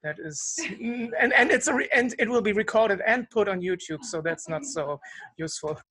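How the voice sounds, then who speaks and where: A woman organizing an online event, giving relaxed, friendly instructions over a video call. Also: medium pitch, moderate pace, slightly rough, dry recording. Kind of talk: casual chat on video call.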